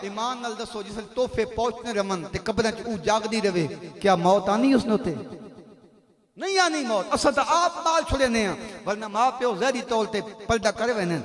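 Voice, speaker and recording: A man delivers a fervent storytelling sermon, his voice pitched very high. He calls out praises to God between the stories. The sound carries a long, ringing reverb, as if recorded in a madrasa prayer hall. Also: expressive, normal speed. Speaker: preacher.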